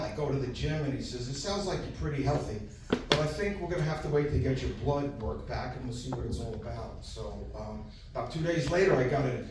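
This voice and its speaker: An older man doing brash, profane, kvetching Borscht Belt stand-up. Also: mid-range voice. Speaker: stand-up comedian. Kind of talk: Borscht Belt stand-up, telling jokes to a crowd. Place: echoey live venue with an audience. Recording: very echoey noisy room, distant mic.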